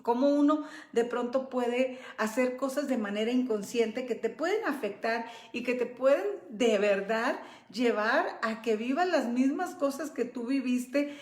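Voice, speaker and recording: Middle-aged woman host, fairly high voice, acts out quotes vividly, roomy echo. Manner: animated, acts out quoted voices of herself and her daughter. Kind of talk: personal storytelling talk.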